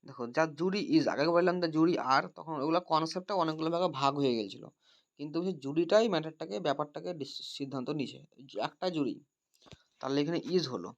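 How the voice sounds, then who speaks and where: Man tutoring grammar with many checking questions, slightly high voice. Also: quick pace. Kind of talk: grammar lesson. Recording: dull lo-fi recording.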